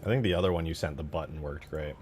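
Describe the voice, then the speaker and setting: A game modder livestreams as he works, thinking out loud in slangy, informal fragments and swearing casually. His voice rumbles low and has a darkish tone, he talks fast, and faint music plays in the background.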